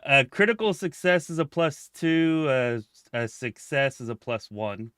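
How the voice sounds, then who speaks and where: Give me a man chatting at a tabletop game, bright and close, dry recording. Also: medium pitch, a little slow, clear, resonant tone, no room sound. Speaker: player. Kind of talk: casual chat at a tabletop game.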